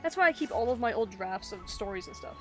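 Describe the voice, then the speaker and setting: A woman hosting a gaming stream chats casually in a fast, expressive, mid-range voice, laughing often and reading out chat. Faint game music plays in the background.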